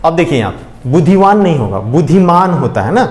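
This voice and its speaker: A man's voice: fairly high pitch, big pitch swings, quick pace, reverberant. A male teacher giving a lesson, often repeating points and asking questions to check understanding. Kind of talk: classroom lecture.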